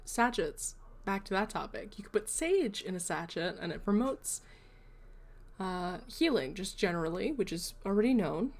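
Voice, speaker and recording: A woman of middling pitch chatting casually on a livestream. She explains things to her viewers in a loose, rambling way and drifts into self-deprecating asides before coming back to her point. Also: big pitch swings, normal speed. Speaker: livestream host.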